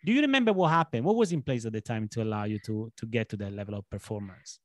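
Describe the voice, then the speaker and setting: A man's voice: fairly low pitch, expressive, fast talker, dry recording, studio quality. Man hosting a podcast. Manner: effusive, agreeable. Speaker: podcast host. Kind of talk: conversational interview hosting.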